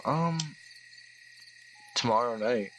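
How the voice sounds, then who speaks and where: A man's voice: mid-range voice, slow pace, a little hiss or hum. Casual man playing a tabletop game. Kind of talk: casual game chat in character.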